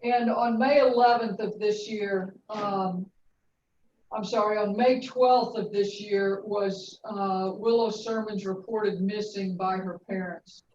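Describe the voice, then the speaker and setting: A woman's voice: mid-range voice, fairly even intonation, a little mellow, slight background noise. Woman prosecutor in a courtroom recording. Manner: brisk, formal questioning. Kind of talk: courtroom witness questioning. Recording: roomy, distant, dull courtroom recording.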